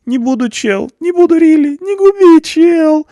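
A man's voice: sits high, lively intonation, measured pace, gravelly, dry recording, pitched above the performer's own voice, heavily acted. A man voicing a panicky eighteen-year-old punk boy behind bars, whining and pleading in slang. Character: panicky whiny teenage punk boy in jail.

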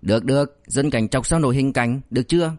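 A man voicing an easygoing male crime squad leader who jokes and smooths things over. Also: medium pitch, quick pace, darkish tone, no echo, clean studio sound, natural voice. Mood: joking.

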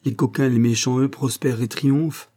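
A man voicing a grieving, big-hearted old male entrepreneur who speaks vehemently and exclaims in a husky voice. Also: mid-range voice, fairly even intonation, normal speed, dark tone, natural voice. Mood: indignant. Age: older.

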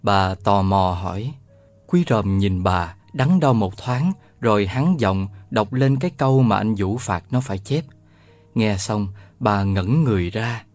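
Lively male storyteller reading a novel. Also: lowish voice, unhurried, no room sound, soft background music. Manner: lively storytelling, voices all the characters. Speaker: audiobook narrator. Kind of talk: scripted narration of a children's novel.

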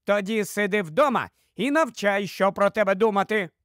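A sharp-tongued, nagging middle-aged wife, voiced by a man reading the audiobook, scolds in a shrill, raised voice. The voice sits well above the reader's own, and the sound is dry and close. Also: moderate pace, no room sound. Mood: scolding.

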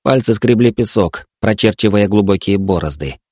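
Male audiobook narrator, low voice, dry close sound. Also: lively intonation, normal speed, a little mellow, no room sound. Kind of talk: audiobook reading.

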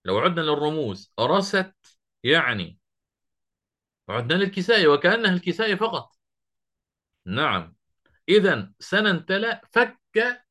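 Male teacher, middle-aged, bright higher voice, classroom quizzing style, slows down to quote verse. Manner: questioning students, drawn-out quoting of verse. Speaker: Quran recitation teacher. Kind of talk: classroom lesson.

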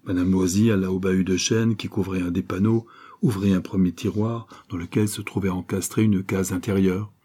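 Low, husky-voiced male storyteller. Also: normal speed. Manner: steady storytelling. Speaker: audiobook reader. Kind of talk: scripted narration of a novel.

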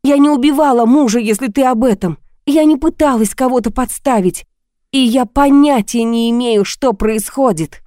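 A woman voicing a weary, frightened young widow, tired and restrained in a dark, mellow voice. The sound is dry and close. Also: a little high, normal speed, dry recording, voice pushed up, close to an everyday voice. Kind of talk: audiobook reading.

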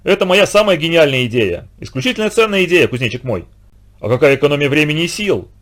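Man playing a whiny fawning old bandit. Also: fast. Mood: boastful. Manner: self-pitying and flattering, raised pitch. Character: whiny, fawning, conceited adult male bandit.

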